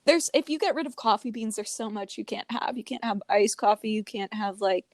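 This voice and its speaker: A woman's voice: mid-range voice, fairly quick, no room sound. A young woman co-hosting a casual podcast, playful and jokey, laughing often. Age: young adult. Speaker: podcast co-host. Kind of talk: casual chat.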